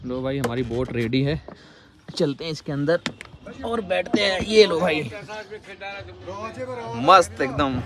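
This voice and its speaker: A man talking casually to his viewers in a travel vlog, recorded outdoors on a small boat on a lake, calling them "brother" as he goes. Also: medium pitch. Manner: chatty, keeps calling the viewer "bhai". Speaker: travel vlogger.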